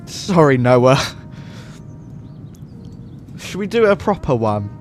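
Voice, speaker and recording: A man's voice: mid-range voice, takes it slowly, faint music behind. Chatty man streaming a flight sim. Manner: relaxed, chatty, laughs often. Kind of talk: casual livestream chat while flying. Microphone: headset microphone.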